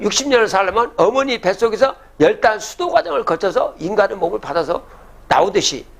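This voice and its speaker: A man's voice: very high-pitched, fairly bright tone. An older man giving a public lecture, reciting old verses and then explaining them, often asking the audience rhetorical questions.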